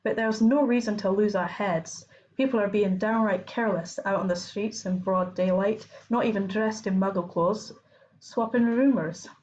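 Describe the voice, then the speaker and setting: A woman doing a strict older Scottish schoolmistress with a brisk, irritable, clipped delivery and a sharp edge to every line. She sits at a middling pitch. The recording is dull and lo-fi. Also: close to an everyday voice. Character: stern older woman professor, brisk, impatient.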